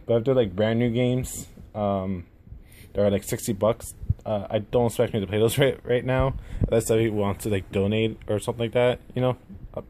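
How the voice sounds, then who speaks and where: Lisping man with drawn-out S sounds. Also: fairly low pitch, warm tone. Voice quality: lisp with drawn-out, slurred S sounds. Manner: rambling, self-effacing. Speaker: gaming YouTuber introducing himself. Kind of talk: casual unscripted vlog to camera. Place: indoors at home. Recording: noticeable room noise.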